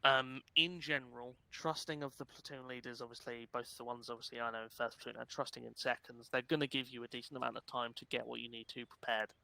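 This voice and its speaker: Bright, clear-voiced man giving a briefing. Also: mid-range voice, steady tone, quick pace, few pauses, dry recording, low-quality recording. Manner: casual, chatty, filler-heavy explaining. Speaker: unit instructor. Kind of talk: briefing a gaming unit over voice chat.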